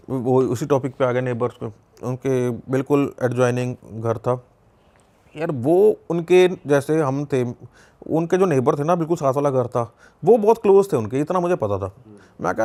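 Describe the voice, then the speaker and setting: A man's voice: medium pitch, gravelly, mellow. A young Punjabi man with a Punjabi accent, telling a personal story in a casual, rambling way with many restarts. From Punjab, India. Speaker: podcast guest.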